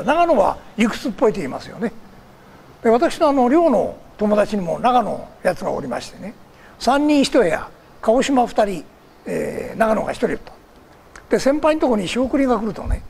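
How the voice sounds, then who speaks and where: A man's voice: sits high, vocal fry, a little mellow, husky. An older man from Kagoshima giving a formal public lecture, polite and digressive, with many fillers between phrases. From Kagoshima, Japan.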